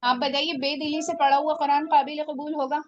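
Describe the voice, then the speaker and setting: A woman's voice: sits high, level tone, brisk, lo-fi sound. A woman teaching a religious class on Quran recitation, earnest and exhorting her students.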